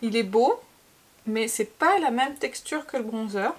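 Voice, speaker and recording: A woman's voice: on the high side, lively intonation, a little slow. A woman from France chatting casually through a makeup tutorial, with frequent fillers and repeated words. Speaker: beauty vlogger.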